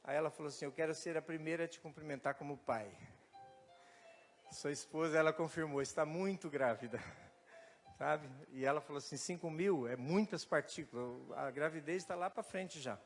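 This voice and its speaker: A pastor with a Brazilian Portuguese accent preaches a sermon in a church, telling a personal story in an animated way and acting out the dialogue. His voice is on the high side at normal speed. The recording has church hall reverb with faint music.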